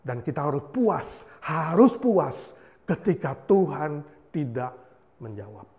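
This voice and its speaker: A male pastor preaching at a memorial service, swinging between loud exhortation and hushed prayer, with English words mixed in. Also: on the high side, big pitch swings, slow. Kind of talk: sermon. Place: church.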